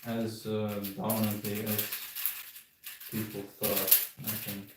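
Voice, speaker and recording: An eighteen-year-old man from the Netherlands, chatting casually and relaxed on a livestream, hedging with filler phrases. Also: on the low side, slow pace. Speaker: streamer. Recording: echoey room, far from the mic, clicking noise.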